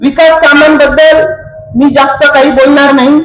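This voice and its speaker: A woman politician giving an emphatic rally speech, with repeated phrases and rhetorical pauses. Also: sits high, fairly even intonation, fairly bright tone, reverberant, poor audio.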